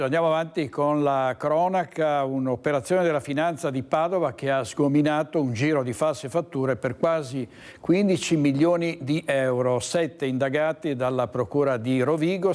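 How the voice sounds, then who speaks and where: A man anchors a studio news bulletin in a crisp, formal voice. His pitch is a little high for a man. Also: normal speed, darkish tone. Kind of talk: studio newsreading.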